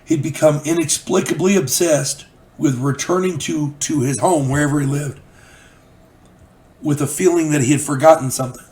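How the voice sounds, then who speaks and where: An older man who hosts a channel tells a story in a casual, folksy, rambling monologue while he is recovering from a cold. His voice is a little high and slightly mellow at a moderate pace, and the recording is rough.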